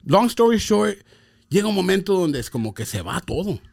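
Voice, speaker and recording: Hombre emotivo, mezcla español e inglés. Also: male voice, high voice, sing-song, normal speed, darkish tone. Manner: mixes Spanish and English slang, emotional storytelling. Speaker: guest telling his conversion story. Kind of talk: casual testimony chat.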